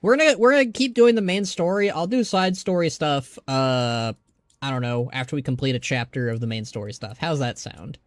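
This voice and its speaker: A man's voice: a little high, fairly quick, no echo. A man doing casual live game commentary, rambling conversationally as he thinks aloud. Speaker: live streamer.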